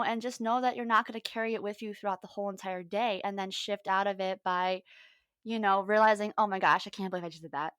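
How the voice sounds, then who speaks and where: Woman, mindset coach, casual podcast chat, lively storyteller, dry close sound. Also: medium pitch, clear, resonant tone, dry recording. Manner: lively storytelling, acts out quoted lines.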